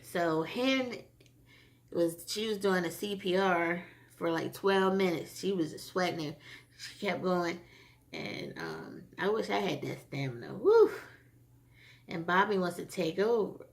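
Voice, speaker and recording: A woman's voice: on the low side, expressive, a little slow, gravelly. A woman casually recapping a TV episode for her channel, chatty and rambling, with frequent fillers. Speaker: TV episode reviewer.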